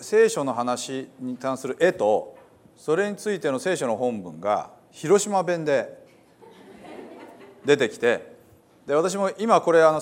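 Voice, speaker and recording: A man, a pastor, chats casually with his congregation, amused by what he is telling them. His pitch moves freely up and down. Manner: chatty, amused, reads quotes with a laugh.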